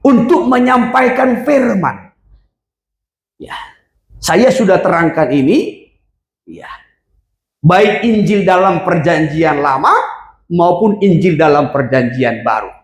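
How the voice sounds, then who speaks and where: A man with a high voice preaches a sermon in an echoey hall. He explains scripture, leans on "ya" and "saudaraku", and swells into emphatic shouted lines. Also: lively intonation, takes it slowly, pauses often. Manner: preaching with call-and-response, rising to emphatic shouts. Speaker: pastor. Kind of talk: sermon with congregation reading verses.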